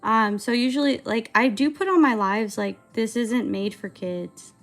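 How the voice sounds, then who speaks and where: A young woman in her mid-twenties talks to her livestream chat while working on an animation. Her voice sits a little high with a gravelly, fry-laden texture. She meanders and hesitates, circling her thoughts with constant fillers, and soft music plays underneath. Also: measured pace. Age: 20s. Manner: rambling, hesitant, filler-heavy. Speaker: streamer and animator.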